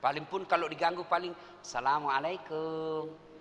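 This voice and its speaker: A male preacher delivers a joking sermon in a high, very bright voice that swoops widely in pitch. He speaks straight to his crowd in a large hall. A long reverb and faint ambience hang around every line. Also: moderate pace. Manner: animated, joking, addressing the crowd directly. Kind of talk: comic sermon.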